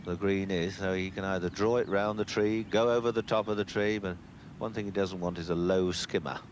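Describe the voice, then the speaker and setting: A man giving live golf commentary in an unhurried, conversational way. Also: sits low, fairly even intonation. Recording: clear outdoor background noise.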